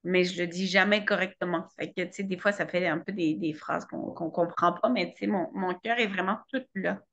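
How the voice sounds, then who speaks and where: Bright, playful French-accented woman host. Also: fairly low pitch, fairly even intonation, moderate pace, highs cut off. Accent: French from France. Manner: chatty, playful, self-mocking. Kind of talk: casual interview chat.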